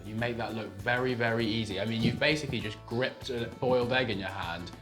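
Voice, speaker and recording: A man's voice: mid-range voice, fairly quick, a bit bright, faint music behind. A man presenting on a cooking show, talking in an enthusiastic, friendly way. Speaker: guest presenter tasting food. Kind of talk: casual chat.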